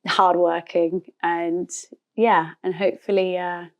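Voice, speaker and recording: A woman in her thirties with a British accent, a guest in a casual interview, animated and reflective, and she often laughs. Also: on the low side, takes it slowly, lo-fi sound. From England. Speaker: guest, author.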